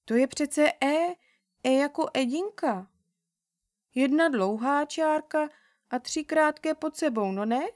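A woman voicing an earnest little girl in a storybook reading, speaking in a high childlike way. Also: darkish tone, no room sound, clean studio sound, close to an everyday voice.

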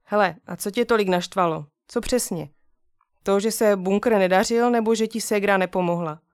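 A woman reading aloud and voicing a gentle, patient father who calmly comforts his upset son in a children's story. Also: mid-range voice, clean tone, no room sound, clean studio sound, close to an everyday voice. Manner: calm, soothing, kindly questioning.

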